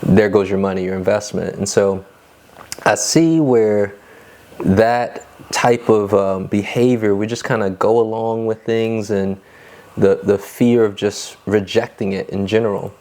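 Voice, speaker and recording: A man's voice: lowish voice, fairly even intonation, unhurried, warm tone. A man hosting a casual podcast, chatting in a laid-back way and laughing often. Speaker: podcast host.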